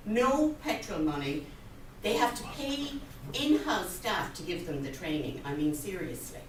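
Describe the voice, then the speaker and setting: A woman's voice: lowish voice, lively intonation, unhurried. A woman with a west of Ireland accent, making an impassioned comment from the floor at a public meeting. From Connemara, west of Ireland. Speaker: carer advocate speaking from the floor. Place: hotel function room at a public event. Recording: echoey room, distant mic, faint noise.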